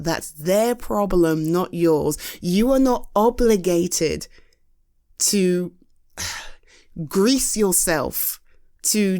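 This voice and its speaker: In a lowish, darkish voice, a tired British woman rambles through a casual roleplay monologue, comforting a friend while poking fun at herself. This audio roleplay performer laughs a lot and swears in an easygoing way.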